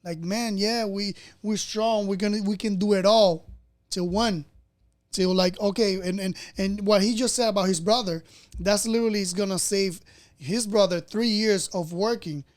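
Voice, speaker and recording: A man in his twenties chatting excitedly on a podcast, often repeating words and restarting sentences. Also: sits high, moderate pace. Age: 20s. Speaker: podcast guest. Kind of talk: casual chat.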